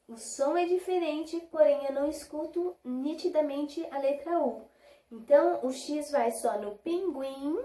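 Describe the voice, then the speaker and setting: A primary school teacher with a Brazilian Portuguese accent records a Portuguese lesson for young children. Her voice is a little high and warm, and the room is echoey. She speaks slowly and patiently, drawing out syllables as she models words and checking understanding with short questions.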